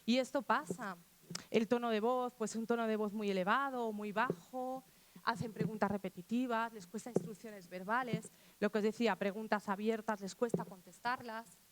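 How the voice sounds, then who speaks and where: A woman's voice: on the high side, steady tone, moderate pace. A woman from Spain speaking to teachers in a conversational talk, often acting out quotes from children and restarting her sentences. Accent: Spanish.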